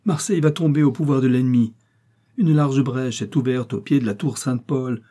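A man's voice: mid-range voice, normal speed, warm tone, close to an everyday voice. A man voicing a group of terrified serving women who bring alarming news in urgent, declaimed lines. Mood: panicked.

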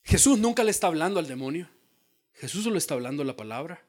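A male pastor preaching a sermon in a dramatic style, dropping to a hush and then rising to shouts. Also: a little high, very animated, fast talker. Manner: dramatic, acts out quoted voices, swings from hushed to shouted.

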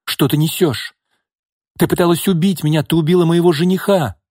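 A man's voice: mid-range voice, expressive, measured pace, darkish tone, slightly rough, no room sound, studio quality, pitched above the performer's own voice. Scared, gasping young woman, voiced by a male narrator in an audiobook. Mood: frightened. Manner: gasping, disbelieving. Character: frightened younger sister, woman.

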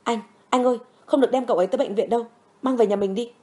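A woman's voice: fairly high pitch, very fast, dark tone, natural voice. A woman voicing a young woman, a brave and tearful medic who talks urgently and pleads.

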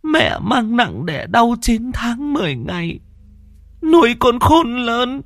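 A woman voicing a grief-stricken older mother who wails a drawn-out lament for her son, in an audio storybook. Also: on the high side, animated, a bit bright, dry recording, clean studio sound, faint music behind. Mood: wailing. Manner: wailing lament.

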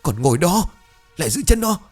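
A man voicing a ruthless older brother who gives hurried, urgent commands. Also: mid-range voice, animated, a little mellow, breathy edge, faint music behind, pitched above the performer's own voice.

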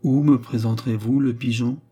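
A man's voice: mid-range voice, steady tone, moderate pace, husky, lightly acted. A man reading a greedy ironic courtesan. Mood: sharp. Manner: sharp, impatient, ironic. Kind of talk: audiobook character reading.

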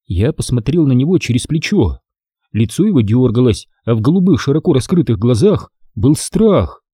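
A man narrates a storybook aloud in a lively, expressive reading. His voice is warm and dark, a little husky, and moves freely up and down. The sound is dry and close. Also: mid-range voice, normal speed, dry recording. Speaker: audiobook narrator.

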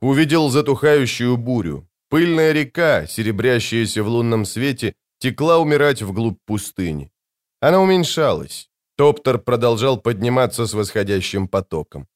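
A man reading a novel aloud as an audiobook narrator, in a measured, dramatic storytelling manner. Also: medium pitch, animated. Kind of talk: scripted narration.

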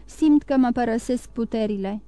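A woman's voice: fairly high pitch, warm tone, no echo, close to an everyday voice. A woman voicing a dying, wounded male ex-convict who pleads and gasps for help, in an audiobook reading. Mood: pleading. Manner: pleading, gasping cries for help.

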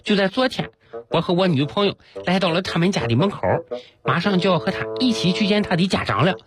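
Animated man telling radio jokes. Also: high-pitched. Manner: animated storytelling with comic pauses. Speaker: radio host reading jokes. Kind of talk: scripted comic storytelling. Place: radio studio. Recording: background music under voice.

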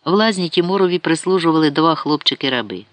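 A man reading a historical novel aloud as an audiobook narrator, in a measured storytelling manner. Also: fairly high pitch, expressive, a bit bright, no room sound.

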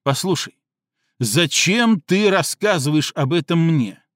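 A man's voice: a little high, expressive, measured pace, a bit bright, no echo, studio quality, voice pushed up. A man doing a sarcastic, irritable man. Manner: slightly hoarse, sarcastic, barking.

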